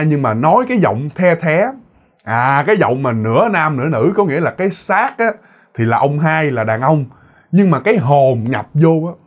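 Casual male storyteller. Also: fairly high pitch. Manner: casual, repetitive, with fillers. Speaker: ghost story narrator.

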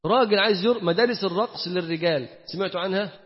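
A man with an Egyptian accent preaching a colloquial sermon, firing rhetorical questions at his listeners and swinging between loud and hushed. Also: sits high, fast. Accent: Egyptian Arabic. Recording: dull, echoey hall recording.

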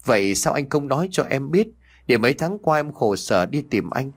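A man's voice: medium pitch, expressive, normal speed, breathy edge, pitched above the performer's own voice. A man voicing a young village woman who has been abandoned, speaking in a sobbing, pleading way in a spoken ghost story. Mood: tearful, reproachful. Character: young village woman, tearful jilted lover.

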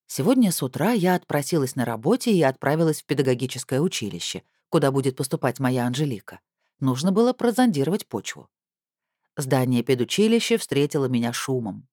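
A woman narrating a first-person story in a lively, wry storytelling manner. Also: deep voice, dry recording, clean studio sound.

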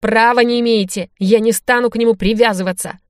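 Woman voicing a hulking male thug, hysterical, whiny, raised pitch, dry audiobook sound. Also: fairly even intonation, fairly quick, dry recording, close to an everyday voice. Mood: panicked. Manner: whining, panicky, high-strung.

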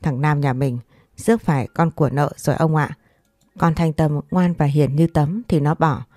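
A woman's voice: low-pitched, fairly even intonation, moderate pace, warm tone, dry recording, studio quality, soft background music. A woman voicing a weary, regretful older mother-in-law who sighs and complains. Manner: sighing, complaining.

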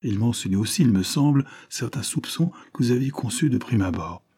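Un homme qui lit, dans un livre audio, les répliques d'un juge d'instruction posé et interrogateur. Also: male voice, mid-range voice, lively intonation, a little fast, warm tone, husky. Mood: measured. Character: composed male examining magistrate. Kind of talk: audiobook character reading.

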